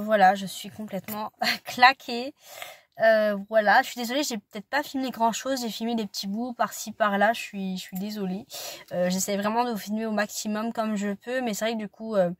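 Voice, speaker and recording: A woman's voice: a little high, a bit bright, slight background noise. A woman in her twenties, a student vlogger, talking casually to the camera in a chatty, rambling way with apologetic asides. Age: 20s. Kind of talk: casual vlog chat to camera.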